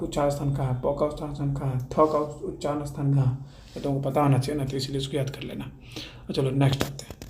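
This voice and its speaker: A man's voice: on the high side, warm tone. A man with a Bihari accent teaching a grammar lesson, asking questions and answering them himself in a repetitive drilling manner. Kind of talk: classroom-style grammar lesson. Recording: echoey room with faint ambient noise.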